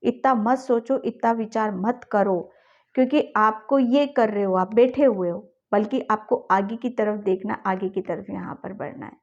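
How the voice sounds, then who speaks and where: A woman tarot reader addresses her viewers in a coaxing, encouraging way, often finishing a thought with a reassuring "ठीक है." Her voice is mid-range and darkish at a measured pace, and the highs are cut off.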